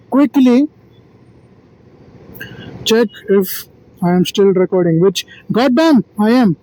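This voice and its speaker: Man, high-pitched, unhurried, tired, self-correcting, rambling vlog talk. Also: a little mellow, low-quality recording. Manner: self-correcting, stumbles and restarts, self-deprecating. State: yawning, tired. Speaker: vlogger. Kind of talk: rambling solo vlog monologue.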